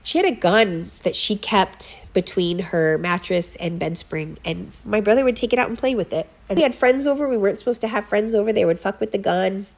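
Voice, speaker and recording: A woman's voice: mid-range voice, creaky. Tearful woman telling a personal story. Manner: emotional, profane, halting with restarts. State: close to tears. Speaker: podcast host.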